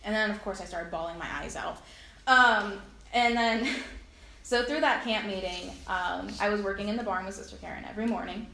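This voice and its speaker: A woman's voice: mid-range voice, moderate pace, vocal fry, sharp tone, slight background noise. Earnest woman giving testimony in echoey hall. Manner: heartfelt, earnest storytelling with frequent fillers. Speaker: speaker sharing a personal testimony. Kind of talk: personal testimony to a congregation.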